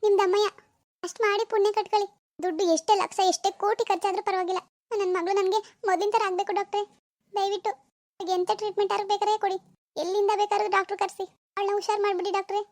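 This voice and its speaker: A distraught mother in a cartoon pleads and wails in a very high, strained voice, as a woman puts her on. She begs the doctor tearfully for her daughter, talking quickly. The sound is dry and close. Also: little pitch movement, a little mellow, no echo. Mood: pleading. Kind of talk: Kannada cartoon voice acting.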